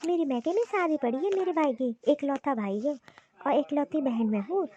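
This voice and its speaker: Selfish young wife from a cartoon story, stubborn and insistent in every line, with a woman acting her out. Her voice is high-pitched but mellow in tone. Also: moderate pace, lo-fi sound, close to an everyday voice.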